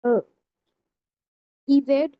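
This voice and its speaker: A woman student answering slowly and hesitantly, spelling out word endings letter by letter. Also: muffled recording.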